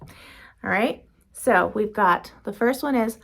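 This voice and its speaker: A woman teaching beginner phonics, slowly demonstrating each speech sound and how the mouth makes it. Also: mid-range voice, creaky, fairly bright tone, slight background noise. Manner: slow, careful demonstrating of sounds. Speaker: reading and spelling teacher. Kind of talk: phonics lesson.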